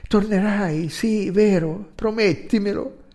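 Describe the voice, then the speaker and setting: A man reading aloud voices a dying young woman who is bitter and clinging, speaking softly and stammering. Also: sits high, slow, voice pushed up. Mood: pleading. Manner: soft and murmuring, stammering.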